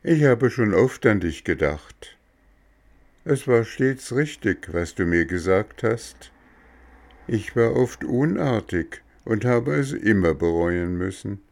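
A man's voice: lowish voice, expressive, slow. A man voicing a remorseful, polite wooden puppet boy in a storybook reading, in a pleading, apologetic way. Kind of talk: storybook narration.

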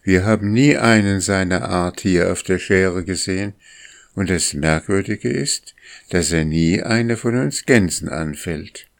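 A man's voice: deep voice, measured pace, gravelly. A man voicing a boastful, gossipy female goose in a storybook reading.

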